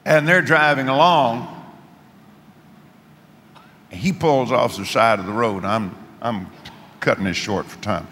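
A man preaching a sermon and telling a story, animated, rising to shouts and dropping low for asides. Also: slow, pauses often. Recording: echoey hall with faint noise.

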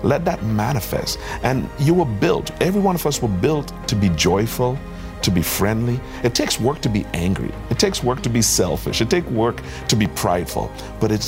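A man's voice: medium pitch, big pitch swings, normal speed, music in the background. A man from Trinidad and Tobago, a pastor giving an earnest testimony and exhortation. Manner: earnest, emphatic preaching cadence.

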